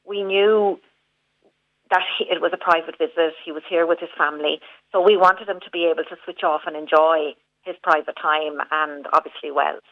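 A woman's voice: sits low, steady tone, normal speed. A woman guest speaking over the phone on a radio show, chatty and hesitant, with frequent restarts. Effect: heard over the phone. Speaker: phone-in guest, venue manager. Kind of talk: casual radio phone interview. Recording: tinny phone line.

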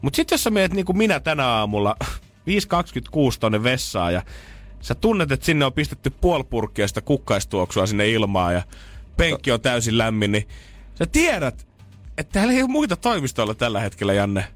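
Lively laughing male radio host. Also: mid-range voice, faint music behind. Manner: laughs often, teasing and storytelling. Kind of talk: casual radio banter. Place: radio studio.

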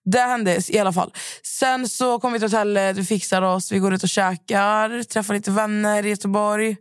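Her mid-range voice has a clean tone, captured in a dry, clean studio. Speaking with a Swedish accent, the podcast host recounts stories conversationally, bringing the quotes to life with animated delivery.

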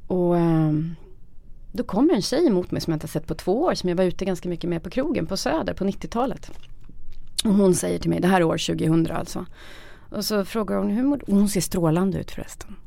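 A middle-aged woman shares her story in a frank, emotional way. Her voice sits low with a gravelly edge. The recording is close and dry, with no room sound. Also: lively intonation, mellow, no echo. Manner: frank, emotional, acts out quoted dialogue. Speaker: interview guest. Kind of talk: candid personal storytelling.

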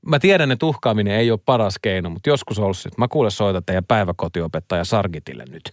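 A man's voice: fairly low pitch, no echo, studio quality. A man in his thirties hosting a radio show, chatting casually and telling rambling stories with lots of fillers. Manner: lively, rambling storyteller with many fillers. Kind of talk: casual studio chat.

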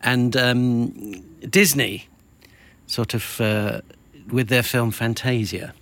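A man's voice: mid-range voice, fairly even intonation, slow, fairly bright tone. A man hosting a casual interview, often restarting and repeating words as he thinks. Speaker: host.

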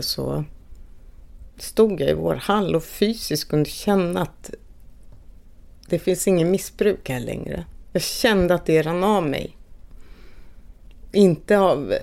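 A middle-aged woman telling her own story in a documentary podcast, speaking haltingly with pauses and restarts. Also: low voice, vocal fry, a little mellow. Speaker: interviewee, bereaved mother. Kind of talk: personal testimony in a documentary podcast.

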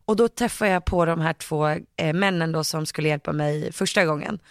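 Woman, podcast co-host, lively storyteller, dry close sound. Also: deep voice, dry recording. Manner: animated, quotes herself with "jag bara", laughs often. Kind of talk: casual chat, storytelling.

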